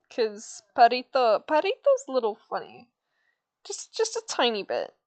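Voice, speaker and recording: A woman's voice: fairly high pitch, wildly swooping pitch, measured pace. A woman streamer chatting casually while drawing, rambling through a loose retelling with fillers.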